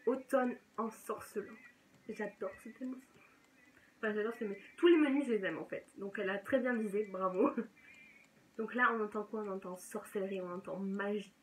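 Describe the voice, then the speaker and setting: A woman's voice: mid-range voice, moderate pace, slight background noise, rough recording. A young woman chatting casually and enthusiastically as a book vlogger, often correcting herself mid-sentence. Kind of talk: casual chat.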